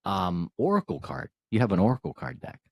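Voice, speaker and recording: A man hosting an interview, talking casually in a halting way with many restarts. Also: deep voice, sing-song, no echo, clean studio sound. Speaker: host.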